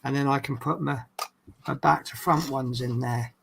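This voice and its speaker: A man's voice: medium pitch, steady tone, normal speed, creaky, slight background noise. A man with a Norfolk accent, chatting casually and teasingly as he hosts a hobby stream. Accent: Norfolk English. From East Anglia, England. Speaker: livestream host doing a hobby build. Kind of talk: casual chat while working at a hobby.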